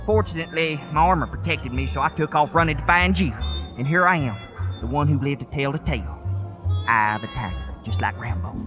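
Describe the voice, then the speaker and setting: A man's voice: a little high, brisk, close to an everyday voice. An actor playing a paranoid male conspiracy crank in a radio drama, ranting frantically in folksy rural grammar. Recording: slightly muffled, music underneath.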